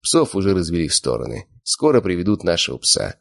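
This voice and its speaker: A man narrating an audiobook in the first person, steady and smug. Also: low voice, brisk, creaky. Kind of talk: scripted narration.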